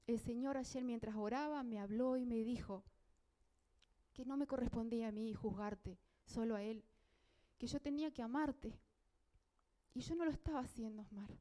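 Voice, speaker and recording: A woman's voice: on the high side, warm tone. A woman with a Uruguayan accent giving a heartfelt spoken testimony at a church meeting, telling her story and acting out the dialogue. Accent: Uruguayan Spanish.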